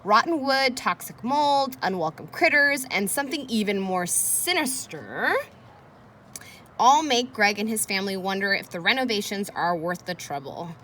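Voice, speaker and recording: Reading a children's chapter book aloud, a woman teacher uses a mid-range, expressive voice that is bright and forceful, at a normal pace. Her casual asides encourage the listeners and pose questions to them. Kids play nearby, making the recording noisy.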